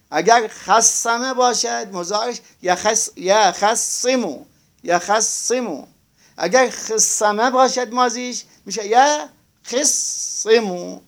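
A man teaching a grammar lesson, spelling out words slowly and asking his students to confirm they follow. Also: high-pitched, vocal fry, fairly bright tone. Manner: slow, drawn-out spelling of words, asks class to confirm.

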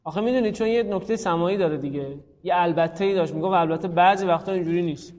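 A man's voice: sits high, a little mellow, in a large hall, highs cut off. A man teaching a grammar class, calling on students by name and thinking aloud. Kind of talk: classroom lesson on Arabic grammar.

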